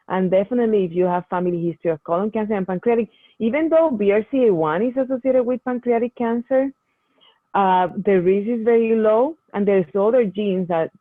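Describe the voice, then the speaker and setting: A woman medical geneticist with a lowish voice answers patient questions during a Q&A session, explaining at length and restarting often. The recording is dry, with tinny, phone-like call audio.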